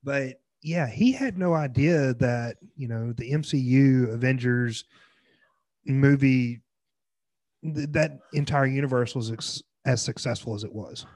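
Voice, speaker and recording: A man's voice: medium pitch, unhurried, darkish tone, dry recording, clean studio sound. A man with a Southern accent, co-hosting a podcast in casual chat, often trailing off mid-thought. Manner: rambling, trailing off. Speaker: podcast co-host.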